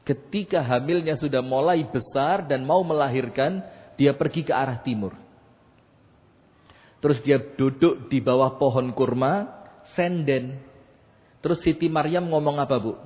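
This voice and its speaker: A man's voice: medium pitch, measured pace, long pauses. A man preaching a sermon in a mosque, joking with the congregation and chanting Arabic verses in a melodic recitation. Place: mosque hall. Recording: echoey hall on a tinny phone-like line.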